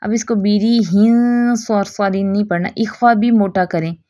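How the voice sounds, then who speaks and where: A woman teaching Quran recitation in a recorded audio lesson, explaining patiently and reciting examples slowly. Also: medium pitch, a little mellow, no echo, studio quality.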